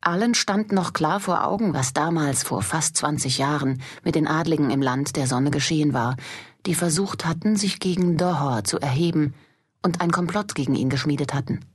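A woman narrates a fantasy audiobook in a deep, husky voice. Her reading is measured and steady, with the pacing of scripted storytelling.

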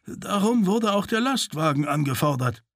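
A man's voice: sits high, very animated, moderate pace, no room sound, studio quality, voice pushed up. A man voicing a blunt, wry male undertaker in a noticeably raised voice. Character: dry, grumbling male undertaker.

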